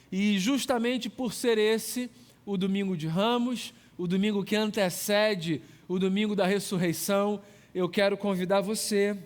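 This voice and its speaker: A Brazilian man speaking as a pastor to an online congregation, with measured, deliberate phrasing. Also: high-pitched.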